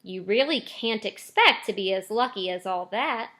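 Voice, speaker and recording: A woman voicing a gentle, loving mother soothing her young son in a storybook. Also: medium pitch, animated, moderate pace.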